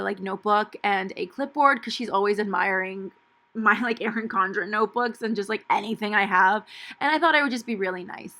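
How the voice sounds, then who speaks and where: Young woman rambling about her week, super chatty w/ tons of "like", kinda crisp bright sound. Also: medium pitch. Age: young adult. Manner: chatty, filler-heavy with lots of "like". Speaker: planner vlogger. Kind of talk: casual voice-over chat.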